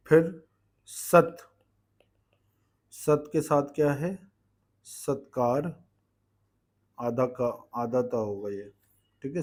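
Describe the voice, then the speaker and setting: A man with a mid-range, slightly mellow voice teaches a grammar lesson for exam prep. He explains things patiently and keeps checking in with the class, often asking "ठीक है."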